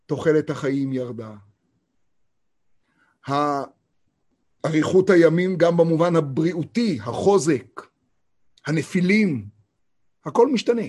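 A man with a high, somewhat husky voice gives a Torah lesson. He reads the verses slowly and talks with emphasis, stopping to ask his listeners rhetorical questions. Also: a little mellow. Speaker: Torah teacher.

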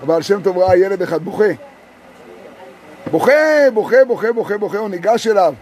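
A male rabbi teaching a group in a sukkah. He tells a story, chants verses slowly and keeps asking his listeners questions. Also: high-pitched, darkish tone, slight background noise.

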